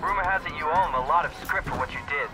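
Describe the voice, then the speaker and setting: A woman playing a lively young female friend who teases in an animated way. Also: deep voice, rapid-fire, over loud music, lightly acted. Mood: teasing. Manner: teasing, animated.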